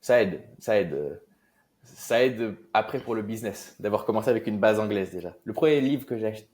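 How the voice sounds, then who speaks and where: A young man from Marseille talks through his story as an interview guest. His voice sits low, and he speaks loosely, pausing on fillers and restarting his sentences. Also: animated, darkish tone. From Marseille, France. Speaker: guest investor. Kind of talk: casual interview talk.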